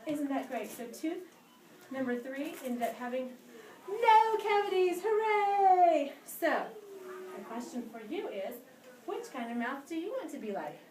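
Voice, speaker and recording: A woman's voice: high-pitched, expressive, normal speed, a little mellow. A woman playing the tooth fairy and telling a dramatic story to a school class, with squeals and cheers. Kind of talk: animated storytelling to children. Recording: roomy, distant with room noise.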